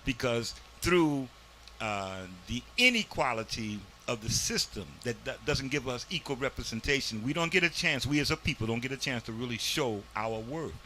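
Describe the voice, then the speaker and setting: A man hosting a casual community TV interview and commentary from a studio sounds bright and forceful in his expressive mid-range voice, barely pausing at a normal speed. He's preachy and emphatic, fond of "this here," and the poor audio has slight hiss or hum.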